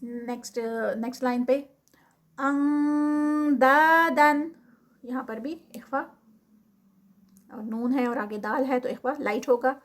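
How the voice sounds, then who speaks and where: A woman teaching recitation rules, explaining step by step and slowly drawing out sample words. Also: a little high, fairly even intonation, a little mellow.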